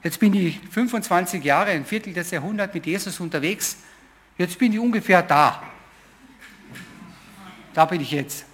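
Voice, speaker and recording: A man's voice: sits high, normal speed, pauses often, a bit bright. A middle-aged man preaching a sermon, telling his own story informally, with hesitations and repeated phrases. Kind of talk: personal testimony sermon.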